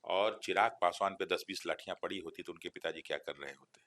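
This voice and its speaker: Brief: emotional male teacher, low voice, quick delivery, fighting back tears. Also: fairly bright tone. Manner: impassioned, voice rising when moved. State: near tears. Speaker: coaching teacher on protest. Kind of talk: emotional interview answers.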